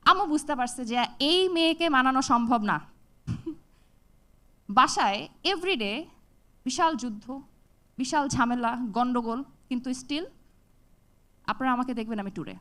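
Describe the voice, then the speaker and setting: A young woman from Bangladesh giving a talk on stage, telling a personal story with lively acted-out dialogue. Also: high voice, measured pace, pauses often. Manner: animated, acts out dialogue with shifts in voice. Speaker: TEDx speaker.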